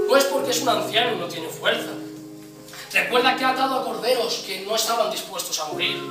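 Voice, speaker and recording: A man preaching a dramatic sermon, telling a story with passion and swinging from hushed to loud. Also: very high voice. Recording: echoey room from far off with music.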